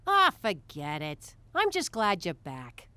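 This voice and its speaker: A woman's voice: fairly low pitch, wildly swooping pitch, takes it slowly, heavy background noise, exaggerated voice. A woman voicing a brash, exasperated, nagging mother in an adult cartoon.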